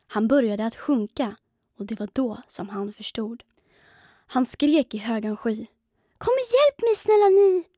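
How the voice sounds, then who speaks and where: A woman reading a rhyming children's storybook aloud in a lively way, sometimes dropping to a whisper for suspense, on a close studio mic. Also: on the high side, no echo. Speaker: audiobook reader.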